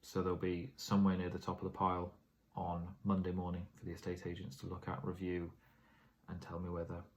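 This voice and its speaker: Tired, low-voiced man vlogging. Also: completely flat delivery, a little fast, darkish tone, a little hiss or hum. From England. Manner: rambling, filler-heavy, self-correcting. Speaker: property investor vlogger. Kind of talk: casual vlog update.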